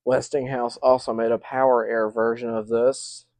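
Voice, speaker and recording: A man's voice: mid-range voice, level tone, moderate pace, a little mellow, no echo. A man hosting his own channel, casually demonstrating an old fan with rambling asides and restarts. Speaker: vintage fan collector channel host. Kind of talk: casual demo video narration.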